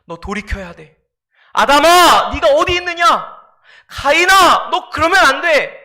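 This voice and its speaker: God's stern call, as a preacher puts it on. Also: male voice, sits high, measured pace, creaky, fairly bright tone, exaggerated voice. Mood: stern rebuke. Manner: commanding, urgent rebuke. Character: God calling sinners to repent, stern.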